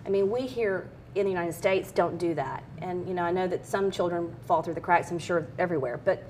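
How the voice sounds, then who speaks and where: A woman's voice: fairly quick, darkish tone. A middle-aged woman speaking as an interview guest, telling personal stories in an earnest, candid, conversational way. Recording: clear background noise with low rumble.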